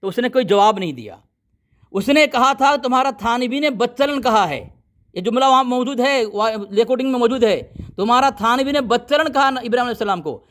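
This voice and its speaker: High-voiced man, combative debater. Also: animated, a little fast, fairly bright tone. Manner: combative, commanding, repeatedly ordering silence. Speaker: religious debater. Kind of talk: heated religious debate.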